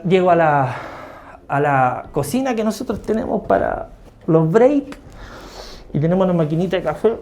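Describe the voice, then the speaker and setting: A preacher delivers a sermon at a medium pitch. The delivery leans on insistent repetition of key phrases and on direct rhetorical questions to the listeners. Everyday stories are woven in with acted quotes of other people. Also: mellow.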